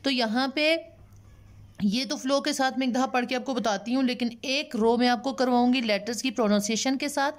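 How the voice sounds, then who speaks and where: A woman teaching Quran recitation, explaining each letter's sound patiently, repeating sounds and slipping in English terms, with speech. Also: high voice. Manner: slow drawn-out chanting for letters and prayers. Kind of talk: tajweed lesson, explaining letter pronunciation.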